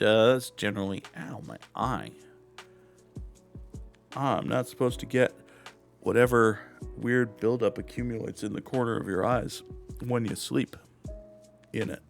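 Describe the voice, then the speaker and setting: A young adult man hosting a gaming channel, giving rambling, wry, self-deprecating commentary as he guesses where and when old photos were taken. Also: on the low side. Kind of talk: casual commentary while guessing photo locations.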